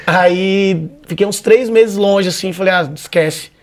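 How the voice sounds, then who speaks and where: A man's voice: sits high, fairly even intonation, a little slow. A man from Vitória, Brazil, a stand-up comedian chatting casually as a podcast guest, laid-back and full of slang and swearing.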